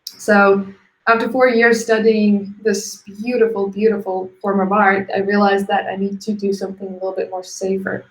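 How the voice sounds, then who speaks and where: A Latvian woman with a medium-pitched, level voice speaks at a normal pace, giving a light-hearted, informal career talk as a guest designer. She's indoors on a live video call, and the audio sounds roomy and echoey.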